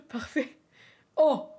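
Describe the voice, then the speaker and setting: A woman's voice: extremely slow, warm tone. A woman streamer chatting playfully with her viewers while drawing in a game, often exclaiming aloud.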